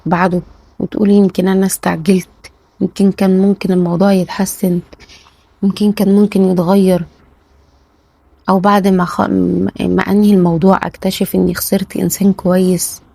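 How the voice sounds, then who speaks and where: Speaking straight to the viewer, an Egyptian Arabic–accented life coach earnestly offers relationship advice, repeating words to stress her points. She has a medium-pitched, dark, husky voice, recorded with no room sound.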